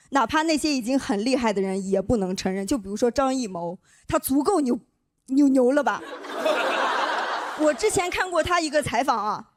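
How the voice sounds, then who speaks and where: A woman doing a stand-up comedy set in a chatty, self-deprecating way. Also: high-pitched.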